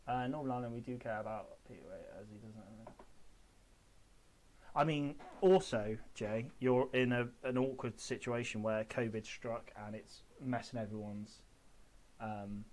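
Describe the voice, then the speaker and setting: A man's voice: mid-range voice, normal speed, a little mellow, slight background noise. A man in his twenties chatting casually while painting models on a hobby stream, rambling and correcting himself as he goes. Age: 20s.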